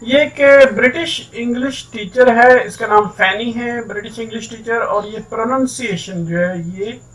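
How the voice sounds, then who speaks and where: A man's voice: sits high, a bit bright, recorded from a distance, rough recording. A man giving an online English lesson, explaining step by step and often checking "okay" with his students. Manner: explains step by step, keeps saying "ठीक है"; mixes English words and phrases into his talk. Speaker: English teacher. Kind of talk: online lecture.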